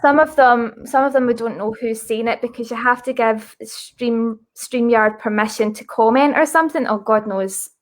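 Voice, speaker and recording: A woman's voice: fairly high pitch, normal speed, hardly any pauses. A Scottish woman hosting an interview, bubbly and chatty over a video call. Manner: bubbly, chatty, self-deprecating. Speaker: host. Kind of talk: casual interview chat.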